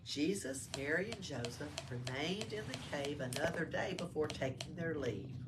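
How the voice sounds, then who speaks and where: A library storyteller reads a storybook aloud to children indoors at a library. Her voice is low-pitched with lively intonation at a normal speed, picked up by a distant room mic along with faint background noise.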